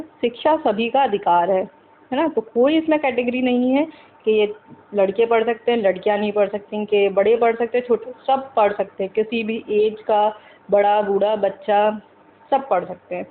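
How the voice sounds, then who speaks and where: A woman's voice: fairly high pitch, slight background noise. Woman teaching English over a thin phone-like line. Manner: slow, repeats example sentences several times; keeps asking the viewers questions. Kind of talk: spoken English lesson for Hindi speakers.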